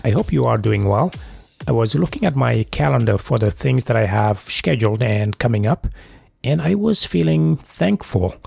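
Male podcast host, motivational interview style, heavily creaky voice, close dry sound. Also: mid-range voice, lively intonation, moderate pace, darkish tone, dry recording, soft background music. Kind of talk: measured motivational podcast hosting.

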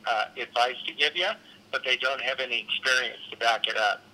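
Man over a phone speaker, sharp bright tone, friendly, brisk, casual call. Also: mid-range voice, rough recording. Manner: friendly and brisk, pressed for time. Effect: heard over a phone on speakerphone. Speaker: guest answering a phone call.

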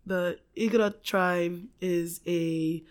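A woman's voice: on the low side, fairly even intonation, takes it slowly. A woman from the Philippines chatting casually as a podcast guest, laughing often, swearing freely and filling gaps with um and like. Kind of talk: casual chat.

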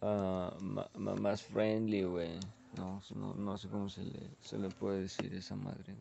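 A man's voice: sits low, monotone, measured pace, creaky, highs cut off, background noise. A young man with a Mexican accent, rambling laid-back and full of slang in a casual chat from his bedroom. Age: young adult. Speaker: vlogger.

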